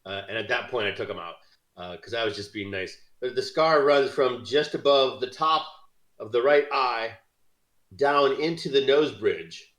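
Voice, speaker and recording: Man, tabletop player, hesitant, lots of fillers, echoey room, mid pitch. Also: moderate pace, fairly bright tone. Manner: hesitant, many fillers and laughs. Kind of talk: describing his character in a tabletop game.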